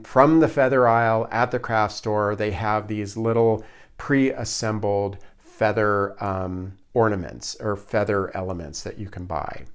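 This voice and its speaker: Clear-voiced man, casual and thoughtful. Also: on the low side. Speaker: hobby prop maker, presenter. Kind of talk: casual unscripted show-and-tell explanation.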